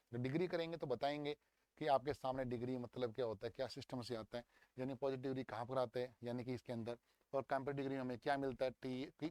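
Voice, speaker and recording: A young man teaching English grammar in a lively, coaxing way, walking through an exam paper and drilling words aloud. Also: medium pitch, no room sound. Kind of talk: exam paper walkthrough lesson.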